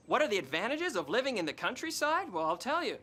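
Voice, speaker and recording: A woman voicing a dreamy artist who talks in a slow, sing-song way. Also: a little high, big pitch swings, fairly bright tone.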